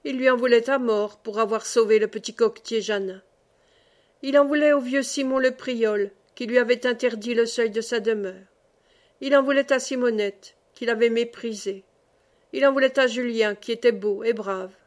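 A woman reads a classic novel aloud in measured storytelling. Her voice sits fairly high. The reading is steady and literary. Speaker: audiobook reader. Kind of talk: literary audiobook narration.

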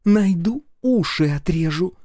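A man's voice: a little high, lively intonation, normal speed, warm tone, dry recording, clean studio sound, pitched above the performer's own voice, lightly acted. A man reading an audiobook, voicing a brash, carefree young woman who haggles hard. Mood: furious. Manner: curt, carefree. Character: brash young woman, tough bargaining survivor.

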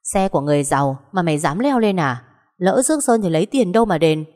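A woman voicing a harsh, abusive middle-aged stepmother who shouts and scolds, with a long echoing reverb. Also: fairly low pitch, lively intonation, quick pace, natural voice. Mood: scolding.

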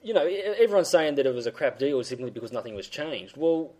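A man co-hosting a sports podcast, ranting in a halting, casual way. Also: mid-range voice, very animated, darkish tone. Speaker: co-host.

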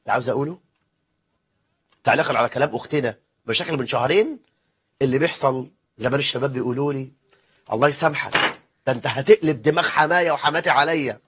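A husky-voiced man with an Egyptian Arabic accent delivers a sermon at a rapid clip, slipping into characters' voices. His pitch sits high. The recording is dull and lo-fi. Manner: animated, acts out dialogue with shifting voices. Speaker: preacher.

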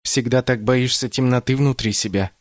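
A man's voice: mid-range voice, fairly even intonation, moderate pace, no echo, studio quality, pitched above the performer's own voice, natural voice. A man doing Mama Rila, a loving stern storyteller. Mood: tender. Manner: tender, pleading, then proudly stern.

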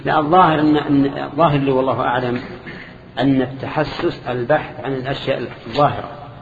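A man's voice: medium pitch, fairly even intonation, fast talker, creaky. A man, teaching a lesson that explains a hadith and putting questions to his students. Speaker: Islamic scholar teaching. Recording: lo-fi recording in a reverberant hall with faint noise.

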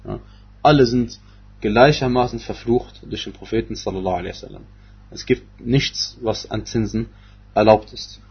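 A man's voice: fairly low pitch, steady tone, normal speed, breathy edge, highs cut off. A man giving a religious lecture on scripture, speaking hesitantly with many fillers and restarts. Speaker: Quran exegesis teacher.

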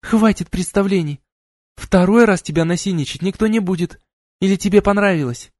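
A man's voice: sits high, a little fast, a little mellow, no room sound, clean studio sound, pitched above the performer's own voice, close to an everyday voice. A man voicing a touchy young woman who teases her friends. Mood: teasing.

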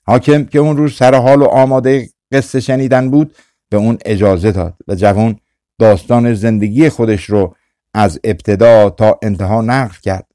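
Male audiobook narrator, mellow tone, dry close-mic studio sound, calm measured folktale reading. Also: fairly low pitch, no echo. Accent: Persian. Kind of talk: scripted storytelling narration.

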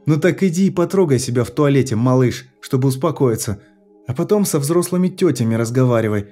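A man reading an audiobook, voicing a frightened, angry young woman who answers in sharp, indignant retorts. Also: medium pitch, lively intonation, a little fast, soft background music, lightly acted.

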